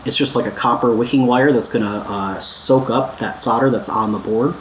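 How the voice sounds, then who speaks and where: Here a man with a medium pitch and moderate pace chats informally through a DIY electronics tutorial, relaxed and slightly self-deprecating. It's recorded in an echoey space with some noise behind him.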